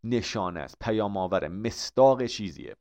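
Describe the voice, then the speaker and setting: Persian-accented man teaching vocabulary, low voice. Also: lively intonation, darkish tone. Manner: explains patiently, asks and answers his own questions. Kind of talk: recorded vocabulary lesson.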